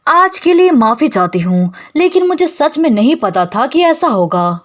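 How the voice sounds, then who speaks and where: A woman's voice: sits high, big pitch swings, moderate pace. A woman reading as an exasperated young villainess. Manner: sharp, irritated.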